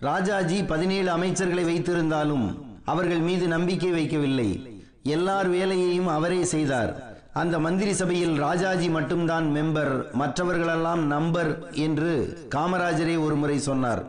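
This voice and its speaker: A man's voice: a little high, steady tone, normal speed, roomy sound. A man reading a scripted narration of political history as the narrator of a column.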